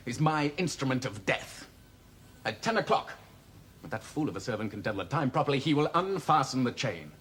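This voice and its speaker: A cold scheming heir. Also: male voice, mid-range voice, husky. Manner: menacing, contemptuous, sharp outbursts. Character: scheming, cold-blooded heir plotting murder. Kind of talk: 1950s film drama acting.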